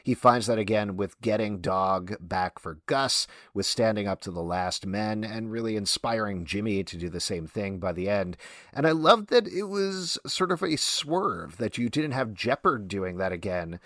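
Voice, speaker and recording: Low-voiced man, earnest podcast co-host. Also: animated, moderate pace, fairly bright tone, no room sound, studio quality. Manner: earnest, self-deprecating, talks things through at length. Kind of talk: casual TV episode discussion.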